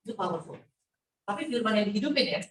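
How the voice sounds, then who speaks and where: A middle-aged woman preaching an animated, playful sermon to a women's Bible class, mixing in English words. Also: mid-range voice, quick pace. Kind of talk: lively sermon. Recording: echoey hall, voice from a distance.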